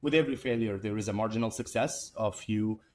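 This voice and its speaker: A man from Iraq who founded a managed IT company speaks in an interview. His voice sits low and he talks earnestly and steadily, now and then repeating a word as he starts a thought. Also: fast talker. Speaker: MSP company founder, guest. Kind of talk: conversational interview.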